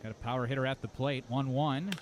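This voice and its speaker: This man's mid-range voice stays fairly even in intonation and moves at a quick pace as he calls a baseball game live on radio, detailing the action play by play. Clear outdoor ballpark ambience is audible behind.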